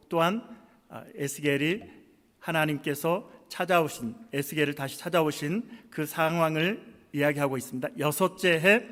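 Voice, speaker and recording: A man's voice: on the high side, fairly bright tone. A middle-aged male senior pastor preaching a sermon, voicing impassioned rhetorical questions. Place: church sanctuary. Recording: church hall with long reverb.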